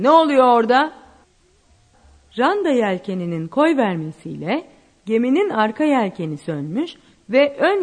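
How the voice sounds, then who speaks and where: A woman narrating a story in an expressive, dramatic reading style. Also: fairly high pitch, big-room sound. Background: faint music.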